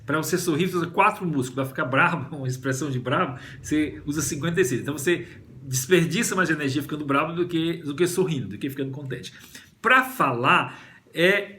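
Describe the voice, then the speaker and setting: A man with a Brazilian Portuguese accent giving a language lecture, explaining step by step and often checking in with "né?". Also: a little high. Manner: explanatory, frequent "né?" tag questions, lively intonation. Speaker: language teacher giving a talk.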